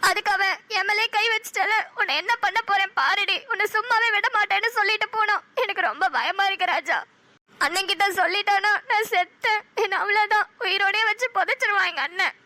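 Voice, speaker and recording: A woman's voice: very high-pitched, brisk, sharp tone, no echo. A woman with a Namakkal Tamil accent voicing a frightened, tearful young woman in a cartoon, pleading as she speaks.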